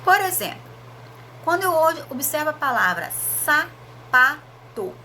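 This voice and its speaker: A woman's voice: high-pitched, very animated, unhurried, pushed and bright, slight background noise. A Brazilian woman teacher giving a recorded video lesson, spelling out letters and checking in with frequent tag questions.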